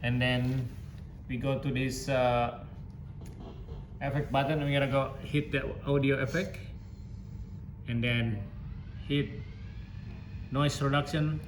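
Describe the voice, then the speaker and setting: Slow and level, with frequent pauses, a man of mid-range pitch guides viewers through audio digitisation software one step at a time. The informal tutorial takes place in an echoey room, and background noise comes through clearly.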